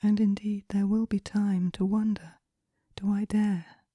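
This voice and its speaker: This poetry reader keeps to a hushed, breathy whisper aimed at relaxation. Her medium-pitched voice holds a level, very soft, dark tone with little rise and fall, and she reads gently and slowly. It is captured close and dry.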